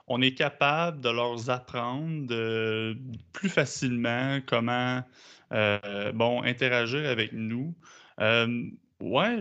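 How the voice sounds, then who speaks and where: A man's voice: mid-range voice, a bit bright. A man with a Québécois French accent hosting a radio round table, an easygoing moderator who hesitates with fillers. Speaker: host.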